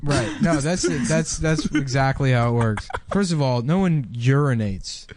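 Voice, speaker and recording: A man co-hosting a casual comedy chat, swearing freely and breaking into high mocking impressions. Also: lively intonation, normal speed, a little mellow, a little hiss or hum. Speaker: podcast co-host.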